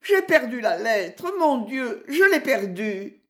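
A woman's voice: mid-range voice, very animated, unhurried. A woman voicing a cheerful, teasing teenage boy messenger in a read-aloud story. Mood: cheeky. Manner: teasing, chatty.

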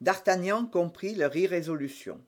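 A man narrating an adventure audiobook with expressive, dramatic storytelling. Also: high voice, moderate pace.

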